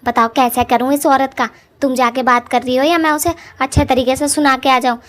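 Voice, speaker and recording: A woman voicing a quarrelsome young witch woman in a cartoon, loud, rough and scolding. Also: very high voice, sing-song, normal speed, voice pushed up, heavily acted. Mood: angry.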